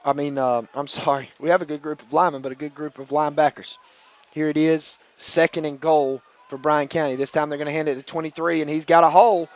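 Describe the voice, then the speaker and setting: A man calls a high school football game on local radio from the press box. His voice sits somewhat high for a man, and he talks in an excited, nervous way. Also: fairly quick. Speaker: play-by-play radio announcer.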